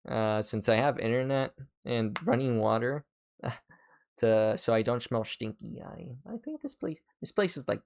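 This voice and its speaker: A male streamer reacting to videos in loose, excitable chat. He swears freely and trips over himself, restarting sentences as he rambles at a mid pitch. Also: creaky.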